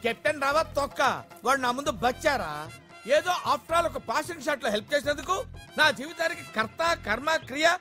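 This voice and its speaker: An actor playing a short-tempered, boastful man in a film comedy, scolding loudly. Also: extremely high pitch, fairly quick. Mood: boastful ranting. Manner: loud scolding, bossy and boastful. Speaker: comic film character. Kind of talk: Telugu film comedy scene. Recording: film soundtrack with loud music.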